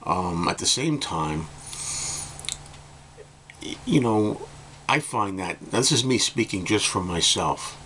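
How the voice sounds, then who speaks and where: Just out of bed and slightly hoarse, a middle-aged man in a home room with bookcases gives casual opinions on albums to the camera. His low voice is animated, pushed and bright, and he goes slowly with long pauses, hesitating and looping back over points as faint noise sits behind him.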